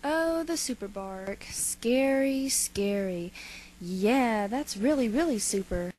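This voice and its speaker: A streetwise female cartoon cat, acted by a woman in a home fan dub, high in pitch and very animated. She is sarcastic and mocking, leaning hard on her words, over faint background noise. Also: measured pace. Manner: mocking, sarcastic, exaggerated emphasis.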